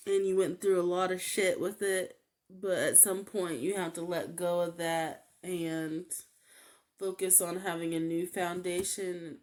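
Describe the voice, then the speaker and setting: A woman reads tarot cards in a relaxed, unscripted way, stopping and restarting with little fillers. Her voice sits a bit low and stays flat, moving at an unhurried pace. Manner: halting, full of "like" and "um" fillers. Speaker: tarot reader. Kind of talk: casual tarot card reading.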